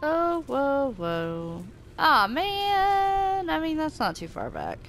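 A woman's voice: high voice, wildly swooping pitch, slow, a bit bright, soft background music. A young adult woman giving casual, self-mocking commentary while playing a game at home, swearing often and joking sarcastically. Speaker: gamer playing a horror game. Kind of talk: casual let's play commentary. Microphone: desk microphone.

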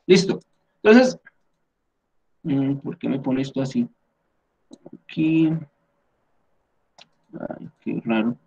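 The recording cuts off the highs, and the man's voice is a little high and a little mellow. Teaching English through Spanish online, he patiently walks through each step, checks in frequently, and corrects himself aloud while editing on screen.

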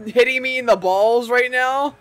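A man hosting a casual gaming session with friends, excitable and laughing a lot, with game music underneath. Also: very high-pitched, moderate pace, a crowd in the background. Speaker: channel host playing with friends.

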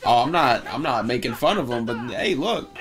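A man's voice: medium pitch, expressive, normal speed, a crowd in the background. A man in his thirties chatting casually as he reacts to a show, joking and swearing in loose slang. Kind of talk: casual chat, reaction commentary. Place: living room couch, indoors.

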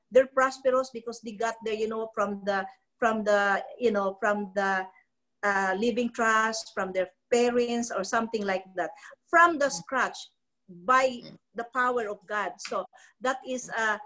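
This low-quality recording captures a fairly high, slightly bright voice: a middle-aged network marketing trainer from the Philippines preaching business motivation live from her ornate living room. Holding the phone near her face, she keeps circling back and restarting what she says.

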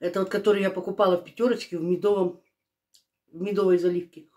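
A woman's voice: on the low side, little pitch movement, quick pace, warm tone. A woman vlogger chatting casually while eating, her mouth full of pizza. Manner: chatty, joking, talks while chewing. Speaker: mukbang vlogger.

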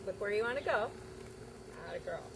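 A woman coaching a riding lesson outdoors, giving brisk, projected, repeated short commands with encouragement. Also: medium pitch, lively intonation. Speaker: riding instructor. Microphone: camera at a distance. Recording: very noisy outdoor camcorder audio.

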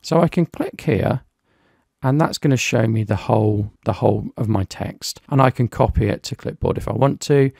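A man giving a relaxed software review, talking through each step on screen as he clicks. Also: medium pitch, moderate pace, vocal fry, dry recording, clean studio sound. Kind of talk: screen-recorded software walkthrough.

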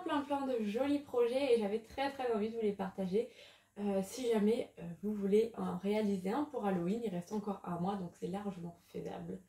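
A woman's voice: fairly high pitch, warm tone. A woman talking casually about crochet patterns, chatty and often hesitating with fillers. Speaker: crochet YouTuber. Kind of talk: casual chat. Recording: echoey room.

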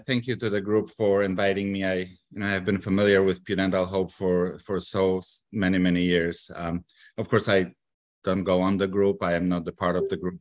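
A man in his fifties with a Polish accent, a surgeon answering questions on a video call from his office, earnest and halting with many fillers and restarts. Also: sits low, dry recording. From Poland. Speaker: surgeon guest. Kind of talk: live video interview. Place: office with a poster behind him. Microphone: webcam on a video call.

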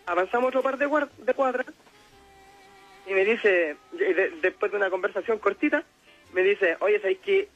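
Un hombre con acento chileno que llama a la radio y cuenta una historia personal con mucha jerga, divagando y riéndose seguido. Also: male voice, high voice, moderate pace, pauses often, a bit bright, muffled recording, faint music behind. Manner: slangy, rambling, laughs often. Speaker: caller. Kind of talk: telling a personal story on call-in radio.

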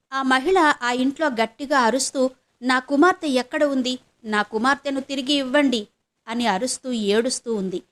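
Fairly high-voiced woman storyteller. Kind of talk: scripted narration.

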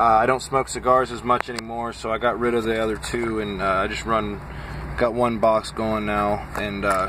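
A man in his thirties, a truck driver, chatting casually and haltingly with lots of fillers while tired and a bit scattered, filmed on a phone at arm's length in his parked cab. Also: medium pitch, sharp tone, slight background noise. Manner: rambling, halting, with frequent fillers. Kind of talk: casual vlog chat. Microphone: phone camera at arm's length.

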